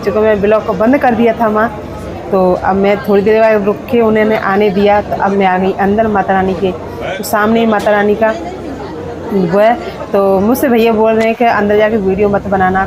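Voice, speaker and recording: A woman's voice: mid-range voice, darkish tone. A woman vlogger talking casually to her viewers while walking outdoors, filming on a handheld phone. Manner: chatty, talks straight to viewers. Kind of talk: casual vlog narration. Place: outdoors on the street and at a temple. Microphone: phone held while walking.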